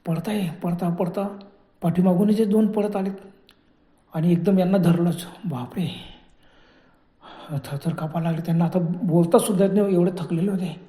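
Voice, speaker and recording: Man, horror storyteller, very dark mellow voice, echoey room, dramatic hushed delivery. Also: sits high, steady tone, a little fast. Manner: dramatic, drops to hushed whispers for suspense. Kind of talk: spoken horror story narration.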